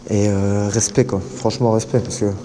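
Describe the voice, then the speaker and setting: A man with a Belgian French accent narrating an urban exploration vlog in a casual, rambling way, full of fillers and slang and often dropping to a hushed voice, deep underground in concrete tunnels. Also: level tone, moderate pace. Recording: long echo in underground tunnels, faint noise.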